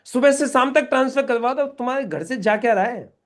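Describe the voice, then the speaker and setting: A man's voice: very high-pitched, a little fast. A middle-aged man leading a live training session in a meeting room, instructing the group and quizzing them with questions.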